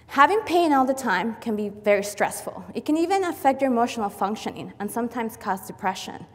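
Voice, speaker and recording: A young woman giving a rehearsed, steady competition talk in a lecture hall. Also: a little high. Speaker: competition speaker. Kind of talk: prepared talk. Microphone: lapel.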